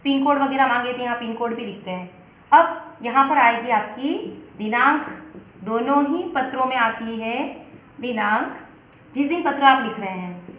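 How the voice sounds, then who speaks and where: A woman's voice: a little high, normal speed. A woman, a teacher explaining letter writing step by step and calling her students beta. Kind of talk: Hindi letter-writing lesson. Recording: very echoey, dull lo-fi room.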